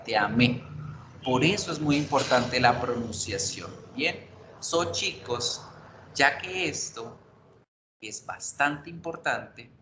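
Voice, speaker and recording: A man teaching an online English class, explaining grammar rules step by step, switching between Spanish and English and checking in with the class. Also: medium pitch. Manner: spells out letters and asks the class for confirmation. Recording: roomy with background noise.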